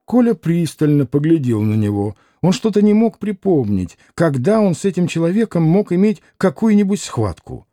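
A man reading a novel aloud as an audiobook, with expressive storytelling. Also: on the high side, moderate pace, hardly any pauses, dry recording, clean studio sound. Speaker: audiobook reader. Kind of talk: scripted narration.

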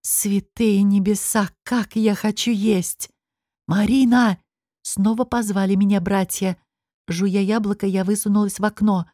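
Woman reading a lively first-person story. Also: medium pitch, unhurried, dry recording, studio quality. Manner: lively, expressive reading with voiced dialogue. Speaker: audiobook narrator. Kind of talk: first-person audiobook narration.

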